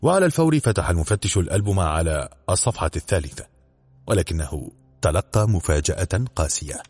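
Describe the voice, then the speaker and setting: A man narrating a detective story in a steady, measured audiobook reading. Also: low voice, husky, no room sound, faint music behind.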